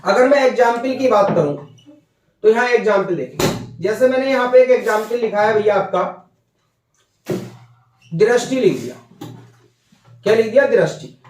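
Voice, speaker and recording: A man's voice: extremely high pitch, a little mellow, reverberant, recorded from a distance. A man teaching a Hindi grammar lesson, repeating points and often checking that his listeners follow. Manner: repetitive, checks understanding with "ठीक है" and "भैया".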